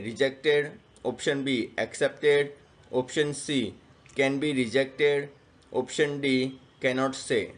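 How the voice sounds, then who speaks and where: A man in his thirties reading multiple-choice lesson questions and answers aloud, dictating in short, separated phrases. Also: medium pitch. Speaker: statistics teacher.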